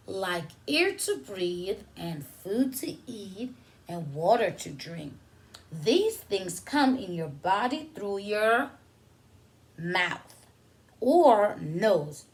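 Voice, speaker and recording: A mid-range, darkish-toned female voice reads a story to young kids. She's the preschool teacher hosting story time, and she teaches as she reads, putting simple questions to the children and pausing for their responses.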